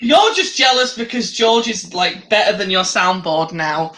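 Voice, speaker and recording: A man's voice: sits high, lively intonation, a little slow, over music. A man co-hosting a podcast in casual chat, giggly and prone to losing his train of thought. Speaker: co-host.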